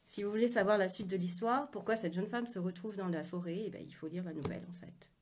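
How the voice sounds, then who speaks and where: On a phone live stream, a woman author chats casually at medium pitch and a quick pace, with slight background noise. She sounds hesitant, full of fillers and restarts, carrying an unusual accent she calls her own.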